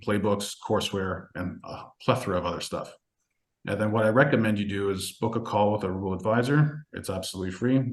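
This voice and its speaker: Brief: low-pitched male webinar presenter, fast and chatty, keeps asking listeners if they follow, roomy echoey video call audio. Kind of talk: casual sales presentation.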